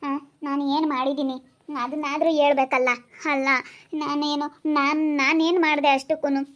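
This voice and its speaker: A woman's voice: high-pitched, flat delivery, normal speed, close to an everyday voice. A woman playing a desperate young wife pleading to be trusted. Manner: pleading, repeats herself. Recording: dull lo-fi sound.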